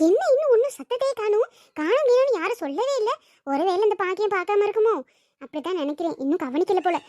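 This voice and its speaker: A woman's voice: very high voice, expressive, fast, darkish tone. A woman voicing a scheming, gossiping village woman in a cartoon drama, talking in a sly, conspiratorial way. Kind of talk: cartoon family drama dubbing.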